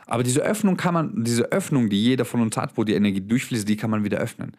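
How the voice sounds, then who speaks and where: A man's voice: mid-range voice, fast, a little mellow. A young man giving a blunt motivational monologue straight to the listener, swearing freely and mixing English words into his German. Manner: emphatic, addresses listener directly. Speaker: motivational speaker.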